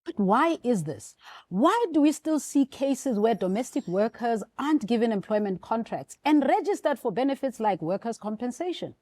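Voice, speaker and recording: A woman's voice: fairly high pitch, big pitch swings, normal speed, mellow, no room sound. A woman with a South African Sotho accent, presenting and interviewing as a talk show host.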